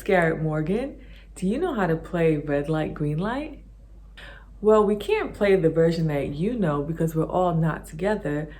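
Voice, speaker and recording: Hosting a kids' video, this woman has a lowish voice with a breathy edge. She leads children in games and reads a rhyming picture book aloud slowly and rhythmically, in a cheerful sing-song teacher manner.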